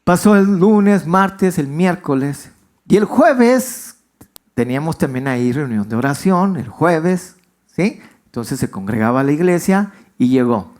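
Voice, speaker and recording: A man's voice: lively intonation, a little slow, a little mellow. A male pastor, giving a conversational sermon and asking his congregation questions. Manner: conversational storytelling, asks the congregation questions, pitch swings widely. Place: church.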